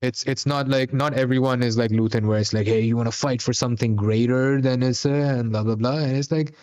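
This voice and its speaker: A man's voice: mid-range voice, fairly even intonation, fairly quick, a little mellow, clear, resonant tone. A man co-hosting a podcast, recapping a TV episode in a rambling, casual chat full of fillers and restarts. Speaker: podcast co-host.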